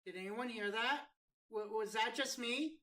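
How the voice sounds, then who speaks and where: A man streaming a game live, reacting with excitable, loud outbursts. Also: extremely high pitch, unhurried, recorded from a distance. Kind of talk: live gameplay commentary.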